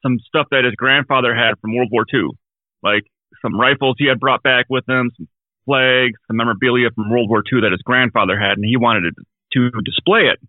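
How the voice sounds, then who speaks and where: A man talks casually as a guest, rambling and restarting his sentences. His call audio keeps cutting out, so words drop very quiet. The sound is thin and phone-like, and there is no room echo. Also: mid-range voice, fairly even intonation, brisk. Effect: audio cutting out, words dropping very quiet. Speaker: podcast guest. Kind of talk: casual chat. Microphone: remote call via Skype.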